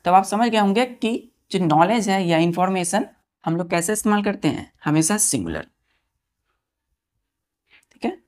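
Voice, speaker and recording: A man's voice: sits high, very animated, normal speed, pauses often, darkish tone. A male teacher runs a grammar lesson, addressing his students as children. He spells each word out letter by letter and keeps checking in with a short "okay". He often poses a question and answers it himself.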